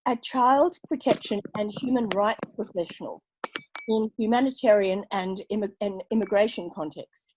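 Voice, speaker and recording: A woman's voice: medium pitch, darkish tone, breathy edge, no room sound, low-quality recording. A woman hosting an online club meeting over video call, cheerful as she introduces and coaxes the guests. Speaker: meeting host.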